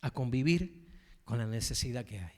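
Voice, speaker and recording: Pastor preaching a sermon, telling stories. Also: male voice, mid-range voice, expressive, normal speed, a little mellow. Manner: storytelling, addresses the congregation directly.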